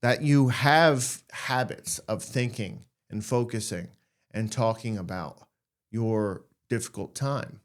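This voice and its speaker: A man's voice: fairly low pitch, slow pace. Man hosting a candid self-help podcast. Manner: candid, jokey, acts out anxious thoughts. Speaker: podcast host. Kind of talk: casual self-help monologue.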